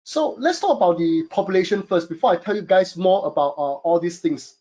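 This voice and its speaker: A man's voice: sits high, sing-song, a little fast, mellow. A man from Singapore with a Singaporean English accent, presenting a webinar from a home studio in a chatty way, full of fillers. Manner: chatty, many fillers, addresses audience as guys. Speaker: webinar host and e-commerce consultant.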